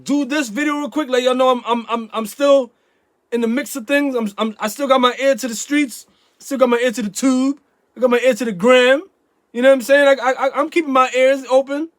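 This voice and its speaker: A man with a stuffy nose chatting casually to his viewers, rambling with lots of restarts and fillers, and breaking into loud, emphatic outbursts. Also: very high voice, steady tone, brisk, no room sound, studio quality. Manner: bursts into loud emphatic yelling. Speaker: YouTube vlogger. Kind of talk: casual vlog chat to camera.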